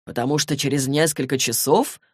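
A woman voicing a haughty male warlock who speaks slowly and condescendingly. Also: extremely low pitch, a little mellow, slightly rough, dry recording, clean studio sound. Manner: slow, drawling and condescending.

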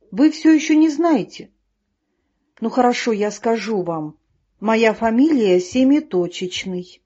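Lady doing a vain little ladybug poet guy, pompous and slow, mellow husky voice, dull lo-fi sound. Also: mid-range voice. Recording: dull lo-fi recording.

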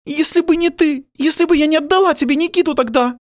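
A man's voice: very high-pitched, quick pace. A male audiobook reader voicing a distraught, furious middle-aged mother who shrieks tearful accusations. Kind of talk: audiobook character voice.

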